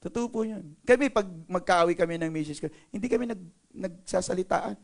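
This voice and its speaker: A man's voice: sits high, a little fast, creaky. A male pastor preaching a sermon in a playful way, joking with the congregation. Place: church service.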